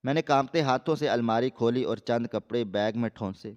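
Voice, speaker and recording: A male storyteller with a smooth, resonant voice reads a first-person drama in a steady, dramatic manner. The audio sounds somewhat dull and lo-fi. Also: medium pitch.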